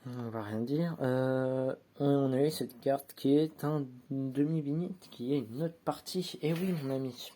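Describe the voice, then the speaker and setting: Mellow-voiced man rambling through an unboxing. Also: medium pitch, a little slow, few pauses. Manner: rambling, sorting cards aloud, self-mocking asides. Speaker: vlogger opening sticker packs. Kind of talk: casual unboxing chat. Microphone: handheld phone camera, no tripod.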